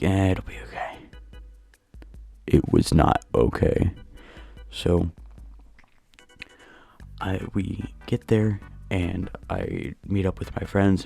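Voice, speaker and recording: Hushed low gravelly young man. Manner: hushed, keeping voice down at night. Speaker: YouTuber telling a story. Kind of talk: casual storytime. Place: dark bedroom at home. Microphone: new home mic.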